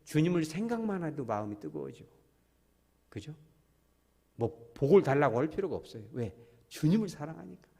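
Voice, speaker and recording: A man's voice: fairly high pitch, very animated, fairly quick, gravelly, long pauses, slightly rough. A man preaching a sermon as a pastor. He talks with emphasis, keeps asking the congregation questions, and his throat sounds strained after an illness. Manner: emphatic, asks congregation questions, sudden loud cries. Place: church sanctuary. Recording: long hall reverb.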